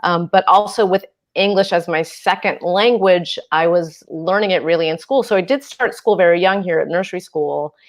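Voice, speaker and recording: On a video call, a woman in her fifties from the American Midwest, whose first language is Urdu, takes part as an author panelist in a casual discussion. Her voice is on the low side and she talks at a normal speed with few pauses, telling her story reflectively and using lots of fillers.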